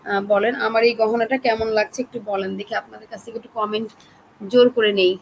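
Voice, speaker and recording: A woman with a Bangladeshi accent teaching an online class, chatty and coaxing, keeping her voice soft to spare her throat. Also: a little high, steady tone, a little fast, creaky, slight background noise, low-quality recording. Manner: chatty, coaxing, talks straight to learners.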